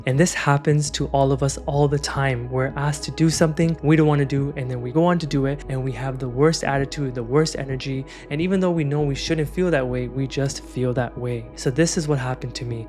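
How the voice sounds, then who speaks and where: Over faint music, a man in his thirties shares a frank personal story in casual conversation, using lots of fillers like "like," before guiding a breathing exercise as a meditation guide. His mid-range, darkish voice moves fairly quickly with few pauses.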